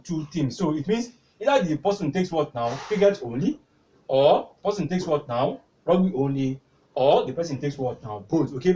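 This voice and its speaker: Recorded from a distance in a rough recording, a man with a darkish, high-leaning voice teaches maths at a whiteboard. He explains each step and constantly prompts the class with "what now?"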